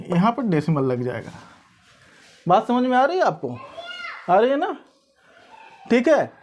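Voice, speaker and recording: A woman's voice: fairly high pitch, darkish tone. Questioning woman maths teacher. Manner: questioning, checks understanding often. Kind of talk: classroom-style maths lesson.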